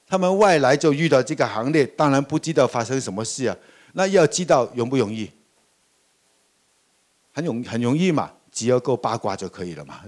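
An older man, a pastor, preaching a sermon in a lively way, often asking the congregation questions and laughing. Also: mid-range voice.

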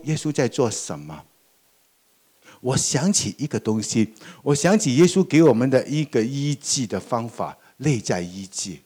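An older man, a pastor, preaching a sermon in a lively way, often asking the congregation questions and laughing. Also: mid-range voice.

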